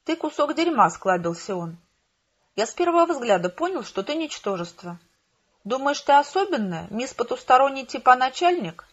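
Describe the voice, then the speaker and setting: A man's voice: very high voice, sing-song, moderate pace, fairly bright tone, highs cut off, heavily acted. A woman reading an audiobook, voicing a smug, hostile male bureaucrat who speaks coldly and with contempt. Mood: sneering. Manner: contemptuous, cold and accusing.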